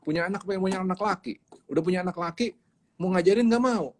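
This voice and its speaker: A man's voice: high-pitched, quick pace, darkish tone, slight background noise. A man preaching in a livestreamed sermon, speaking emphatically and repeating his key words. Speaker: pastor.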